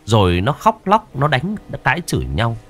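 A man narrating a ghost story, dramatic and slowing down on the eerie moments. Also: mid-range voice, wildly swooping pitch, soft background music.

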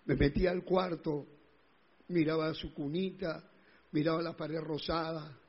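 Gravelly-voiced man preaching a testimony. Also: fairly high pitch, flat delivery, unhurried, highs cut off. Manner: emotional storytelling, rising to loud pleading. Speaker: pastor. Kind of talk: sermon testimony.

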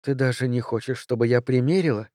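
A man voicing a tender young woman, the hero's lover, in a soft hushed tone. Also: mid-range voice, normal speed, no room sound, clean studio sound, close to an everyday voice.

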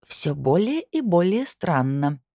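A woman's voice: sits low, very animated, normal speed, darkish tone, no echo, clean studio sound. A woman reading an audiobook, voicing a nosy woman questioning everyone like a detective. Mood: mysterious. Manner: probing, mysterious. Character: nosy woman Belokon, suspicious amateur sleuth.

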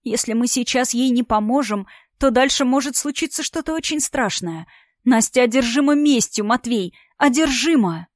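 Crying young woman, trembling, pleading, high strained voice, dry close sound, woman doing the voice. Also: lively intonation, normal speed, no echo, lightly acted. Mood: tearful. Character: tearful distraught young woman, anxious older sister. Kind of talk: audiobook character voice.

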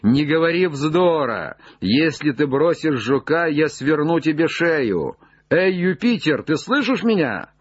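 A man voicing an excitable, obsessed gentleman giving urgent orders in a raised, breaking voice. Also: medium pitch, a little slow, slightly rough, muffled recording. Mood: commanding.

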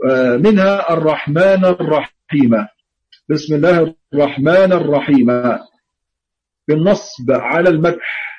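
A man's voice: fairly high pitch, husky, dull audio. A man teaching Quran recitation in an online lesson, explaining patiently, repeating key words and intoning example readings.

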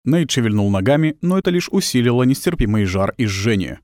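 Guy reading a dark audiobook, lively up and down voice, dry close sound. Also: mid-range voice, brisk, dry recording. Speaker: audiobook narrator. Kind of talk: dramatic audiobook narration.

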